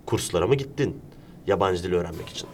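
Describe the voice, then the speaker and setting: A man's voice: deep voice, lively intonation, fast, a little mellow, a little hiss or hum. A man from Turkey hosting a casual interview, explaining things through examples and rhetorical questions. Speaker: interview host.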